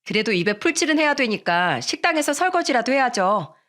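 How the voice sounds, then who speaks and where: A woman voicing a determined young woman in a radio story, speaking firmly and calmly as she defies her mother. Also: a little high. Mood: defiant. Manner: firm, calm, deliberate.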